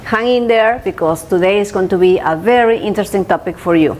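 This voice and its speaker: A woman's voice: mid-range voice, brisk, a little mellow, a little hiss or hum. Female co-host. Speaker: morning show co-host. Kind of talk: conversational news commentary.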